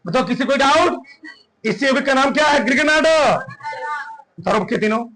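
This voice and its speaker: High, bright-voiced male teacher quizzing students. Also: low-quality recording. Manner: quizzing students with rapid questions. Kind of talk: classroom chemistry lesson. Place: classroom.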